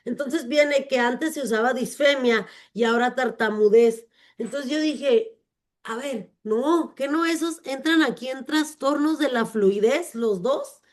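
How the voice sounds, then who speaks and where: A woman's voice: high voice, measured pace. A woman hosting a speech therapy forum, talking casually and searching for words. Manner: rambling, hesitant, searches for words. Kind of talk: casual panel chat.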